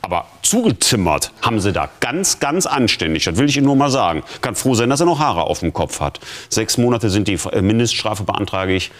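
Man, forties, prosecutor, fairly low pitch, formal, reproachful, courtroom closing argument. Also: big pitch swings, fairly quick, few pauses. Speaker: public prosecutor on a court show. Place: indoor TV studio courtroom.

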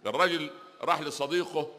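A middle-aged Egyptian man preaching, his voice bright and forceful as he rushes through a lively lecture. He keeps tossing rhetorical questions to the crowd. His words ring out with a long reverb from the hall. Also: fairly high pitch. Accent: Egyptian Arabic. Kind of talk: religious lecture with humorous anecdotes.

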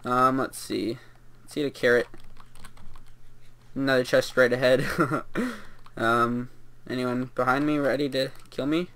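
A man's voice: mid-range voice, steady tone, a little slow, pauses often, fairly bright tone. A young man giving casual, rambling commentary while playing a video game, with lots of fillers and laughter. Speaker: gameplay commentator.

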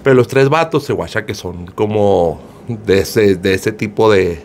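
A man's voice: on the low side, unhurried, darkish tone, a little hiss or hum. A man, casually retelling a viral video as gossip, slangy and profane, with a filler word after nearly every phrase. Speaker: gossip storyteller.

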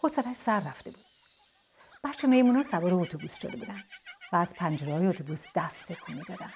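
A woman reading a children's bedtime story in a soft, hushed, gentle way. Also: fairly low pitch, a little hiss or hum.

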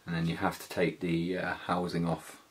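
A man's voice: low-pitched, monotone, normal speed, slight background noise. A British man in his thirties giving a casual, slangy, slightly hesitant hands-on gear walkthrough indoors. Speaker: motovlogger. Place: small living room, indoors.

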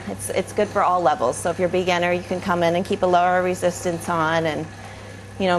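A woman talks quickly in a fairly low voice, giving an informal, rambling interview answer. There is faint noise around her. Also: rough recording.

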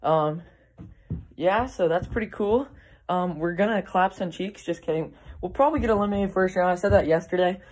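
A young woman chatting in an upbeat, rambling vlog, her voice sitting a little lower than most. She keeps drifting with ums and restarts and laughs easily as she talks to the camera. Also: moderate pace, darkish tone. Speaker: vlogger. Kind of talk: casual vlog chat.

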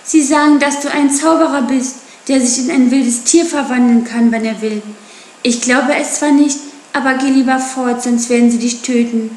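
A woman's voice: high-pitched, fairly even intonation, normal speed, a little mellow, roomy sound, pitched above the performer's own voice, lightly acted. A woman voicing an anxious village mother who pleads with her son. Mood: pleading. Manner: pleading, worried.

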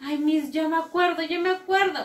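A woman's voice: moderate pace, echoey room, distant mic. A woman doing an eager little schoolchild. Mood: excited. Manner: high excited questioning, calling "Miss". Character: eager young schoolchild student, curious. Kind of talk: playing both teacher and pupils in an online lesson.

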